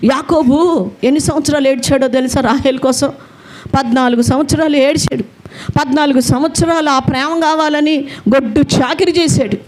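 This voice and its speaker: A woman's voice: high voice, normal speed, a little mellow. A woman preaching a sermon in Telugu-accented speech, fervent and speaking straight to her listeners, repeating words for force. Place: prayer hall.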